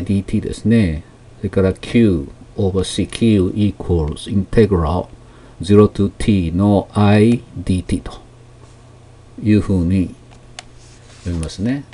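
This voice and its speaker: Low, mellow-voiced male math teacher. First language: Japanese. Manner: slow, explanatory, with many fillers and pauses. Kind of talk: lecture explaining technical English terms.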